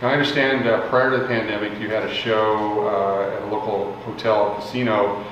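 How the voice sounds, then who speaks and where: A man's voice: fairly low pitch, little pitch movement, fairly quick, fairly bright tone. Older man interviewing in an echoey hall. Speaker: interviewer, former comedian. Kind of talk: casual stage interview. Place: indoor theater stage. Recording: echoey hall, distant, dull, faint noise.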